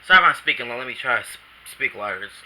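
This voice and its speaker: A man's voice: mid-range voice, lively intonation, very fast, pushed and bright, slight background noise, low-quality recording. A man reviewing an action figure at home in a rambling, casual way, often restarting his sentences, a bit drowsy after a nap, recorded on a camcorder. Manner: rambling, self-correcting, casual slang. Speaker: toy reviewer.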